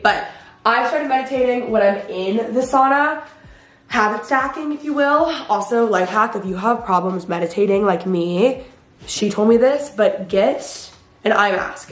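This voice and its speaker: A woman's voice: medium pitch, echoey room. A young woman chatting casually to the camera for her vlog, full of fillers and self-mocking asides, recorded in her home garage. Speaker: vlogger.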